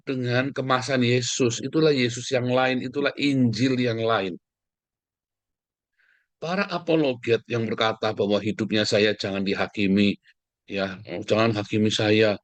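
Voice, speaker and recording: A middle-aged man, preaching a fiery sermon in a scolding, combative way that swings between loud outbursts and hushed asides. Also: medium pitch, no echo.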